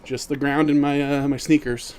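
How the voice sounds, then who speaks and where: A man's voice: on the high side, flat delivery, moderate pace, darkish tone, clean tone. Easygoing man streaming, walking in place. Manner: reads chat messages aloud and answers them easygoingly; walking in place while talking. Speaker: live streamer. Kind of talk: casual live-stream chat.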